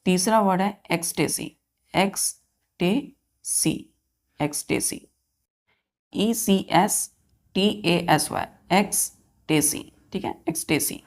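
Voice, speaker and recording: Woman teacher, lower voice, spells and drills exam vocabulary. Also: slow pace. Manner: spells words letter by letter and asks quiz-style questions. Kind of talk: vocabulary lesson for exam students.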